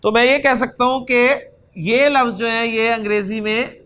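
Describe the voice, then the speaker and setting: A man teaches a grammar lesson. He repeats short pronoun forms in a steady chant and peppers his explanations with a polite "ji". He gestures with his hands as he talks. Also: very high-pitched, moderate pace, smooth. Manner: drills pronouns in chanted repetition, says "जी" often. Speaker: Arabic teacher. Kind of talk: classroom-style grammar lesson.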